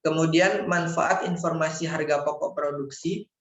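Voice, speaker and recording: A young adult man, a university student, formally reads a scripted slide presentation and stumbles over words now and then. His voice sits on the high side with a steady tone at normal speed. The mic sounds dull and lo-fi in an echoey room.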